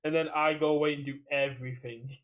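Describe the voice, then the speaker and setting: A man's voice: fairly high pitch, fairly even intonation, fast talker, narrow, tinny audio. A British man co-hosting a casual podcast chat, rambling and repeating his phrases as he goes. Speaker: podcast co-host. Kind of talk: casual chat about a card game community.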